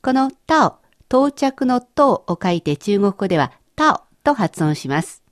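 A woman teaching a language lesson in a clear, encouraging way, explaining step by step. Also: mid-range voice, big pitch swings, unhurried, no echo, clean studio sound.

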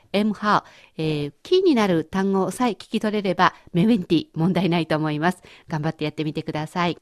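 A woman leading a radio language lesson who explains words clearly and patiently. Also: mid-range voice, dry recording, studio quality. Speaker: language teacher.

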